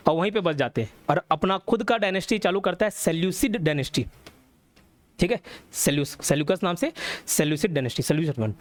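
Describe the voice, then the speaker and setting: A man's voice: high voice, no echo. A man teaching a classroom history lecture, telling the story and quizzing students as he goes. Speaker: exam coaching teacher.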